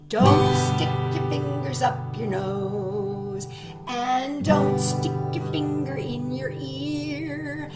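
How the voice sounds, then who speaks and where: Her voice sits high and sounds roomy. Joined by a puppet sidekick, this storytime host reads and sings playfully for young children, speaking directly to them.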